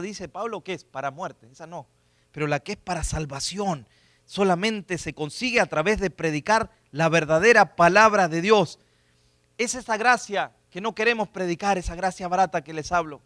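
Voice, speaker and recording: A middle-aged pastor delivers a sermon in a high, ringing voice. The sound is close and dry, with little room echo. He drops to near-whispers for personal stories and then rises to forceful, emphatic declarations. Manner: swings from hushed personal storytelling to loud emphatic preaching. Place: church sanctuary.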